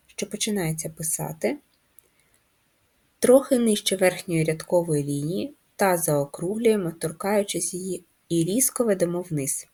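In a first-grade handwriting lesson, a female teacher breaks words into sounds one syllable at a time, speaking slowly and clearly. She has a slightly low, mellow voice with soft edges and a touch of huskiness.

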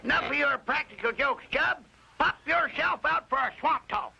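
A man's voice: extremely high pitch, moderate pace, vocal fry, sharp tone, slight background noise, exaggerated voice. A man voicing a joking, folksy old swamp dweller in a cartoon, talking in drawling backwoods slang. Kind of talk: 1950s cartoon voice acting. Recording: dull lo-fi soundtrack with music.

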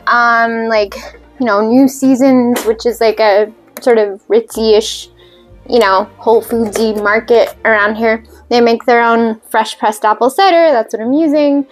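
A woman hosting a cocktail video, talking casually and rambling with fillers while she mixes drinks. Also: on the high side. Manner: chatty, rambling, self-deprecating with fillers.

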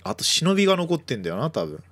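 A drunk man chatting excitably during an online game, silly and prone to laughing and chanting. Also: a little high, fast. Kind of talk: casual multiplayer game chat.

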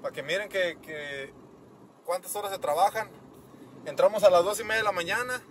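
A man's voice: high voice, normal speed, a bit bright. A man in his thirties with a Mexican accent, chatting casually as a vlogger in slangy, sweary Chicano-style street talk. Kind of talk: casual vlog chat. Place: truck cabin and snowy outdoors at night. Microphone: handheld phone at arm's length. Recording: noisy handheld, car and outdoor noise.

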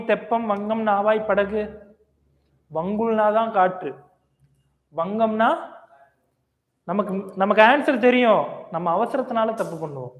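Male teacher with a high voice who drills a class with quick questions, heard in a boomy hall on a thin, phone-like recording. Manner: quizzes students, repeats key phrases. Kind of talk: classroom grammar lecture. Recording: echoey, tinny lo-fi hall recording.

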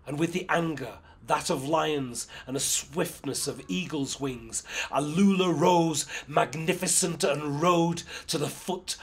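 Male spoken-word poet, measured rhythmic declamation, unhurried and husky. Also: on the high side. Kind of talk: spoken-word poetry performance.

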